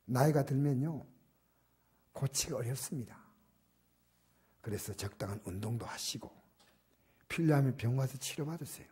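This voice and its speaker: Older male pastor for a church sermon; dark, husky voice, loud urging that drops to near-whispers. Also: medium pitch, moderate pace, pauses often. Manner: shifts from loud emphatic exhortation to soft, near-whispered asides. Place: church sanctuary.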